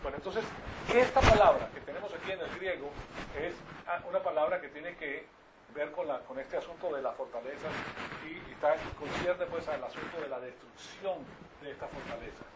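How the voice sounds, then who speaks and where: A man with a fairly high voice preaches a Bible lesson to a room of listeners, often drawing them in with questions. He builds to loud, emphatic peaks. He stands well back from the mic, and the dull lo-fi recording carries steady background noise. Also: normal speed, far from the mic. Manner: engages the audience with questions. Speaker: Bible teacher. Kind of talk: sermon-style Bible class. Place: room with a live audience.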